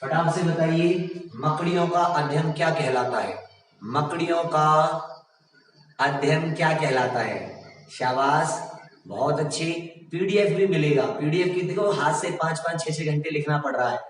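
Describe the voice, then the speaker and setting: A man teaching a general science class online, reading out quiz options slowly and praising his students often. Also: fairly high pitch, very echoey, in a large hall, recorded from a distance, poor audio.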